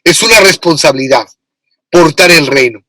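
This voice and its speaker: A man's voice: a little high, expressive, normal speed, bright, forceful tone, no room sound. A man from Mexico with a Mexican accent, preaching a sermon as pastor, with emphatic repetition. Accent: Mexican Spanish.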